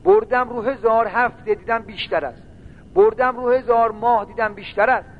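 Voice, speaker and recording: A man preaching a sermon, telling a long religious story and building into mournful chanting. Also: extremely high pitch. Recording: tinny phone-like sound with faint noise.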